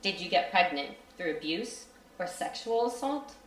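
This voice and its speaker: A woman's voice: on the low side, lively intonation, normal speed, a bit bright, a little hiss or hum. A woman reading the lines of a dismissive, patronizing woman doctor at a live reading. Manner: dismissive, matter-of-fact. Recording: roomy hall from far off.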